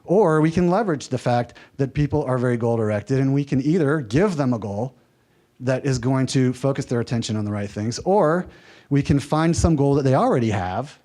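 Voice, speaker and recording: A man's voice: medium pitch, animated, normal speed, dark tone. Man giving a workshop lecture. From American South, mountain region. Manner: conversational, checks in with the audience, light humor. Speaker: workshop presenter. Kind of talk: workshop lecture with audience activities. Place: workshop room.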